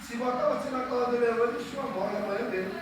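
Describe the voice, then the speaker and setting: A man with a Brazilian Portuguese accent preaching a sermon, moving between loud, drawn-out scripture reading and soft, close talk to listeners, leading the congregation in call-and-repeat prayer. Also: very high voice. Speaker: pastor. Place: church hall. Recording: echoey hall, distant mic, background noise.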